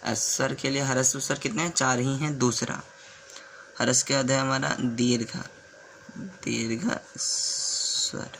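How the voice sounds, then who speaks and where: A man teaching the alphabet in a slow classroom way. He repeats sounds, asks the class questions and writes on a board as he goes. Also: medium pitch, steady tone, fairly bright tone, slight background noise. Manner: stops to write on a board while talking. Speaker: Hindi teacher.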